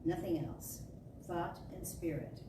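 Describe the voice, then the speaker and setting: With a lowish voice, a woman acts as a storyteller reading a spiritual talk, a dramatic reading of a metaphysical sermon delivered emphatically and declaratively with deliberate phrasing. The large indoor spiritual center room echoes, and the far-off recording is noisy.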